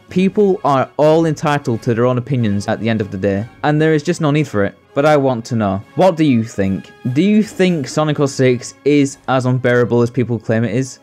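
Here a young man in a mid-range, slightly mellow voice hosts a video essay, reading scripted lines with sarcastic, sweary humor and mock exasperation. The indoor voice-over has music behind it.

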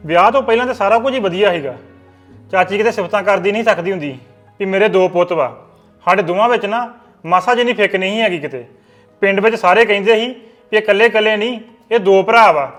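An actor playing an earnest elder brother giving stern advice in a family drama. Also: male voice, high-pitched, fast, a bit bright, soft background music. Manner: earnest, lecturing.

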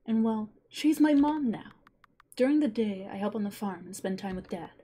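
A woman's voice: mid-range voice, animated, husky. A woman voicing an eager little scarecrow boy. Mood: happy. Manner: bright, eager and quick.

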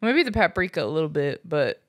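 A woman's voice: fairly low pitch, normal speed, no room sound. A young woman chatting casually with her husband, teasing him and telling stories with plenty of laughter. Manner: teasing, laughs often, storytelling. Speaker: co-host, wife. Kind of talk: casual couple chat.

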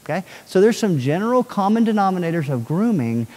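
A middle-aged man giving an energetic talk to an audience and often checking that they follow him. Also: high-pitched, a little fast. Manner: animated, asks the audience questions often. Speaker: speaker on child safety. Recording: long hall reverb.

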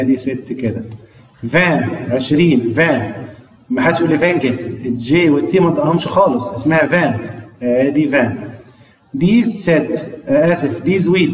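A man's voice: a little high, echoey room, long reverb tail, distant mic, rough recording. A man with an Egyptian Arabic accent teaches an online French lesson, counting aloud and explaining each exercise step by step.

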